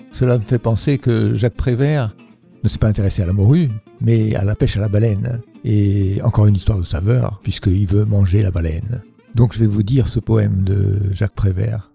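A man reciting a poem as a guest in a radio studio, in a theatrical, measured way. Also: lowish voice, gravelly, dark tone.

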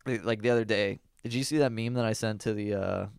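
A man's voice: lowish voice, fairly even intonation, fast talker, creaky, a little mellow, clean tone, dry recording. A man in his twenties chatting casually in a slangy, teasing frat-bro manner. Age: 20s. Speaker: podcast co-host. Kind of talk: casual banter.

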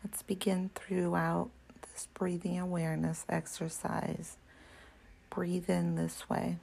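A woman whispering a guided breathing meditation, softly counting breaths and giving slow, gentle instructions. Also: on the low side, little pitch movement, vocal fry, breathy edge, rough recording. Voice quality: soft whisper.

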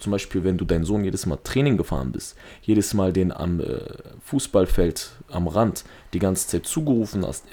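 A man's voice: sits low, vocal fry, dark tone, breathy edge. A young man chatting casually in a slangy, rambling way, arguing his point with everyday examples. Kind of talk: casual chat.

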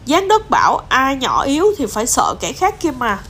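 A woman's voice: sits high, wildly swooping pitch, normal speed, a bit bright, husky, voice pushed up, exaggerated voice. A woman voicing a tiny, bold toad who lectures proudly, in a storybook reading. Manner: boastful, lecturing.

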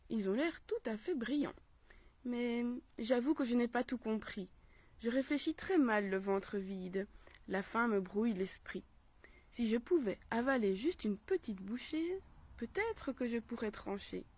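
Brief: meek, hesitant storybook rat who plays dumb, read by a woman, high voice. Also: expressive, moderate pace. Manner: hesitant, falsely naive. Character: timid, simple-minded male rat, sly glutton. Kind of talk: storybook reading aloud.

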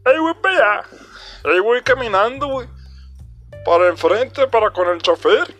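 Putting on a brash young joke-teller, a man rambles loudly in Mexican street slang, his strongly nasal voice pushed high and bright above normal speech. The delivery is rowdy, expressive and heavily acted at a moderate pace, over faint music.

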